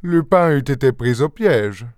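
A man's voice: mid-range voice, expressive, measured pace, a little mellow, no echo, pitched above the performer's own voice, lightly acted. A man voicing a curt, grumbling English detective, speaking dryly in a raised voice. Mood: sec. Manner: curt, dry, gruff.

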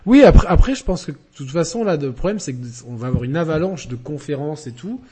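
A male podcast host with a somewhat high, husky voice and a mellow, dark tone. He chats about games in a lively, joking way, throwing in quick asides. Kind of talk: casual gaming chat.

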